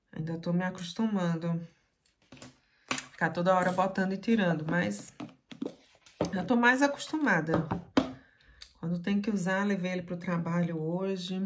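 Chatty Brazilian woman vlogging. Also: fairly low pitch. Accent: Brazilian Portuguese. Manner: chatty, exclaiming, talks to viewers directly. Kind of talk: casual vlog chat to camera.

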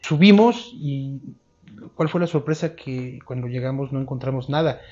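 A man in his thirties with a Mexican accent, recounting a memory in an interview with a lapel mic, in a drawn-out storytelling way. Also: mid-range voice, steady tone, a little mellow, muffled recording. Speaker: eyewitness interviewee. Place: dark room, seated.

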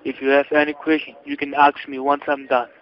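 Pretending to be a tax agent, a man on the phone reads a scripted pitch in a stern, officious tone with stilted wording. His slightly high voice is monotone and a little fast. The call sounds dull and muffled, typical lo-fi phone-line recording.

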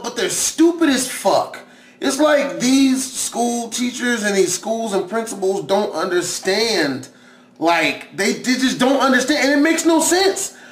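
A man with a very high voice gives profane, incredulous reactions to a video. He swears and mocks as he talks, and his voice bounces around an echoey room. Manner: loud, incredulous, swearing, mocking. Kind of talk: profane casual reaction commentary.

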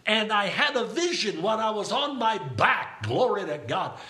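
Older male Pentecostal preacher, exuberant, bright and forceful tone, frequent hallelujahs and bursts of tongues. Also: sits high, very animated, a little slow. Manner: exuberant, calls out hallelujahs and praise; breaks into speaking in tongues. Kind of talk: Pentecostal sermon.

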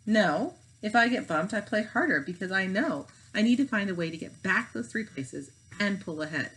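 Brief: a woman playing a reluctant boy, a bit higher than her own voice, storybook reading. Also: animated, moderate pace, a bit bright, husky, poor audio. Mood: sheepish. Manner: mumbling, sheepish. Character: reluctant schoolboy, mumbling, half-hearted.

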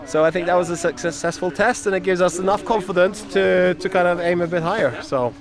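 A man's voice: sits high, fairly quick. A man vlogging about a stunt plan, explaining each step in an upbeat way, outdoors on a snowy slope. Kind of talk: vlog narration. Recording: noisy outdoor audio.

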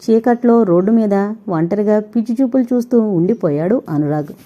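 A woman narrating an audio novel in a steady, measured reading voice, on a dull lo-fi recording. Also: mid-range voice. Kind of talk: scripted narration.

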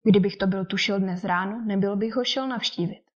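A woman reading the lines of a dry, teasing older English gentleman and father in an audiobook. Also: mid-range voice, close to an everyday voice. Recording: dull lo-fi recording.

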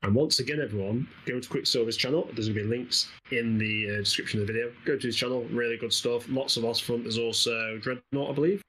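A man's voice: mid-range voice, fairly even intonation, quick pace, hardly any pauses, fairly bright tone, a little hiss or hum, rough recording. An English man with an East Midlands accent, chatting casually and rambling while commentating a co-op game, laughing often. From England. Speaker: gaming channel host.

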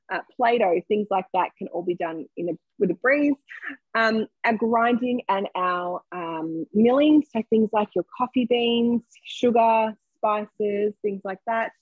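A woman's voice: mid-range voice, husky, dry recording, narrow, tinny audio. A young woman presenting a live online cooking demonstration from her home kitchen, upbeat and chatty as she invites viewers to comment. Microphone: webcam on a video call.

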